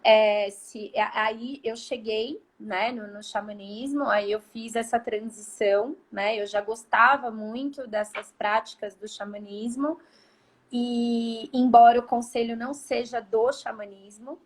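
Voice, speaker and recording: Animated Brazilian woman in her thirties. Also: a little high, unhurried. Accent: Brazilian Portuguese. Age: 30s. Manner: animated storytelling with fillers. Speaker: guest therapist. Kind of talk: casual chat.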